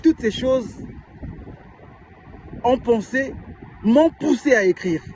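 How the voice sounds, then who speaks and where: A man's voice: very high-pitched, animated, slow, darkish tone, slight background noise, low-quality recording. A man from Brazzaville with a Congolese French accent, an author giving a passionate personal testimony full of rhetorical questions. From Republic of the Congo (Brazzaville).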